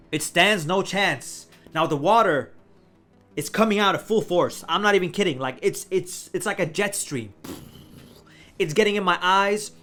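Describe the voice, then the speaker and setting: Man, casual storytelling, animated, laughing a lot, fairly high voice, faint music behind. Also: unhurried, long pauses. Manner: animated, laughs often, acts out his own reactions. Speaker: vlogger.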